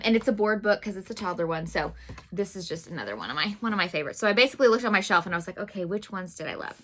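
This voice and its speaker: A woman's voice: medium pitch, pushed and bright. A woman in her thirties chatting casually about children's books, gushing to viewers with lots of "um"s. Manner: chatty and gushing, addresses viewers as "you guys"; frequent "um" fillers. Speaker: vlog host reviewing children's books. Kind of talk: casual chat.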